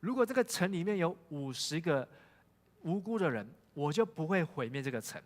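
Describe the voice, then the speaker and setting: A male pastor voicing God, answering in a measured, assuring way. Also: a little high, sing-song. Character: God answering calmly and gravely. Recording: long church hall reverb.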